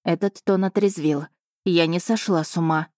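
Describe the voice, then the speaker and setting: Low-voiced woman narrating an audiobook. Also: steady tone, normal speed, a little mellow, no room sound, studio quality. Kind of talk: first-person audiobook narration.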